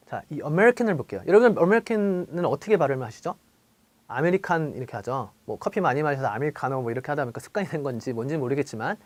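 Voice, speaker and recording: Lively male English teacher, dry sound. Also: on the high side, no echo. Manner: explains then repeats English phrases slowly and drawn out; lively, conversational lecturing, addressing viewers directly. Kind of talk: online English pronunciation lesson.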